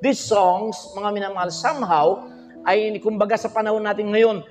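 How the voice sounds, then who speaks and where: High-voiced Filipino man preaching. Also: normal speed, in a large hall, soft background music. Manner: animated, audience questions, bursts of singing. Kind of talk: livestream sermon.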